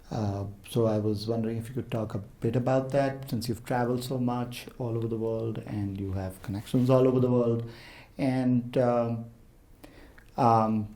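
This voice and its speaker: A man's voice: mid-range voice, mellow. A man interviewing a poet, asking thoughtful questions with some "uh" and "um" fillers. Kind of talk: conversational interview. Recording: roomy live event sound.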